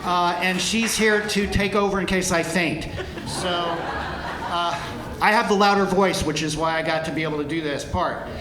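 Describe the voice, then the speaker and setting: Over the murmur of a live audience in a large, echoey hall, a middle-aged volunteer speaks at normal speed in a steady, high-pitched voice. He's earnest and grateful, rallying the concert crowd with lots of fillers, and the background is noisy.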